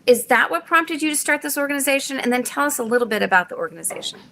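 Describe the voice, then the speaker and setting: A woman hosting a talk show, asking a guest earnest, measured questions backed by researched figures. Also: sits high, lively intonation, creaky, fairly bright tone, slight background noise. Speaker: show host. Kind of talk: interview questions.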